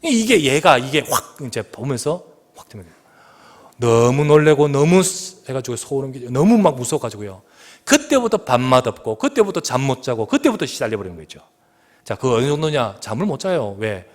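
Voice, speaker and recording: A male pastor delivers a sermon in his church, his pitch leaping and falling in a lively sweep. He tells a story, surging loud for emphasis, then sinking to a near hush. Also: fairly quick. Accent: Korean. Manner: storytelling with sudden loud emphatic rises and hushed drops. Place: church sanctuary.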